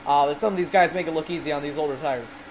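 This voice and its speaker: A man's voice: a little high, fast talker, slight background noise. Rambling, jokey male race commentator. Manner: rambling, jokey banter between race updates. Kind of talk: sim racing commentary.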